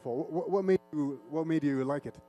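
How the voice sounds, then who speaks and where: Faint music sits under this slightly high, dark-toned voice moving at normal speed. The speaker is a middle-aged Lebanese man, an Arabic speaker who grew up in Saudi Arabia, presenting informally and interactively on stage as a conference speaker and media executive, mixing Arabic with English.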